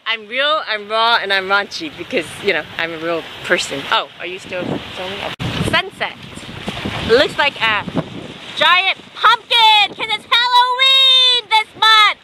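A high, lively woman chatters excitedly on a sailing boat, her voice leaping up and down. Heavy wind and rushing water roar over the handheld camera mic. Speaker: sailing vlogger. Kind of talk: casual vlog chat. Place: outdoors on a sailing catamaran at sea. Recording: loud wind and water noise.

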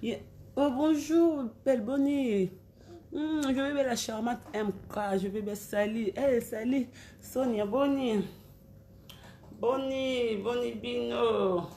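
Woman, slow and chatty, greets viewers by name on a live stream; echoey room. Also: on the high side, gravelly, a little mellow, slight background noise. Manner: chatty, calls out names one by one. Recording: roomy echo, faint background ambience.

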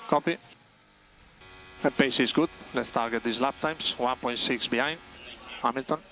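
Heard through a team radio transmission, this race engineer delivers terse, factual updates and repeats key phrases for clarity. His mid-range voice is sharp-toned at a moderate pace, and the rough recording has a little hiss or hum.

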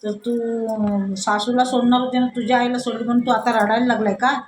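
A woman voicing a young husband who speaks firmly and hushes his wife. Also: a little high, steady tone, a little fast, slight background noise, lightly acted. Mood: scolding. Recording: echoey room.

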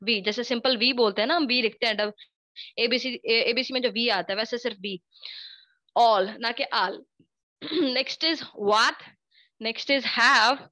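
Bright-voiced woman teaching English. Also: a little high, dry recording, low-quality recording. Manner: firm, drills pronunciation word by word. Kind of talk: online spoken-English lecture.

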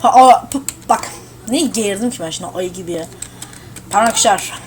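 A young woman giving casual gameplay commentary at her home computer, excitable and swearing at the game. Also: medium pitch, normal speed. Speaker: gamer streaming a shooter.

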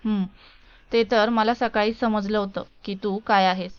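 A woman reading the part of a wronged, angry young woman in a storybook tale, accusing and indignant, with a smooth voice on a dull lo-fi recording. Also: medium pitch, fairly even intonation, a little slow, lightly acted.

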